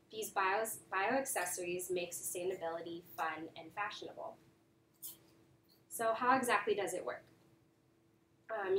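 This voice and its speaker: A young woman with a stuffy, nasal voice giving a thesis presentation, earnest and dotted with ums and uhs. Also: fairly low pitch. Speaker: graduate student presenting a thesis. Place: presentation room. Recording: echoey room, voice from a distance, faint room noise.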